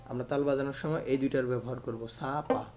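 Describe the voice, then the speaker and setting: Man, music teacher, patient, counts beats aloud, mellow voice. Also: medium pitch, steady tone, brisk, a little hiss or hum. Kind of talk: instrument lesson.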